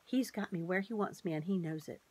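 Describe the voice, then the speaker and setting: A woman's voice: lowish voice, fairly quick, mellow, breathy edge. A woman voicing an anxious young male mouse, speaking his fretful inner thoughts in a storybook reading.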